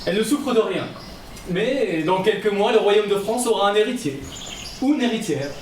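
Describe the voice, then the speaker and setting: A man's voice: high voice, animated, moderate pace, slight background noise. A man playing a mysterious physician count in a costume stage drama, formal and commanding. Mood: curt, calm. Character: mysterious, curt male physician-sorcerer count. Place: theatre stage in Paris. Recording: echoey stage from far off, birdsong.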